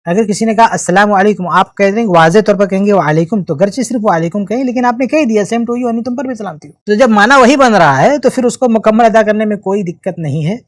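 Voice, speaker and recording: A male preacher with a notably high voice answers a question in a religious lecture. The sound is dry and close. He tells the story in an animated way, shifting his voice for the quotes. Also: few pauses, no room sound. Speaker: Islamic preacher.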